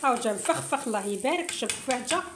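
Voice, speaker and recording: A woman's voice: a little high, animated, racing, noisy background. Chatty Algerian woman in a roomy kitchen. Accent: Algerian Arabic. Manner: chatty, repeats phrases, keeps addressing the viewers as "girls". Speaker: cooking channel host. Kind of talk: casual cooking tutorial. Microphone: phone camera, filming herself. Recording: roomy echo.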